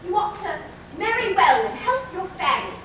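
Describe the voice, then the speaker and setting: A woman's voice: extremely high pitch, sing-song, moderate pace, fairly bright tone, full character voice. A woman playing a stern, wealthy, meddling old aunt who scolds imperiously, in old-time radio drama style. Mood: scolding. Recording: echoey distant old recording with faint hiss.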